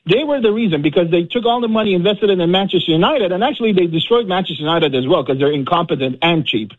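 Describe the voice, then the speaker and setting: A man's voice: sits high, lively intonation, quick pace, no room sound. A man calling in to a sports radio show over the phone, fired up and complaining. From Florida, USA. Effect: phone caller on a radio show. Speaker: caller. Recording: tinny phone line.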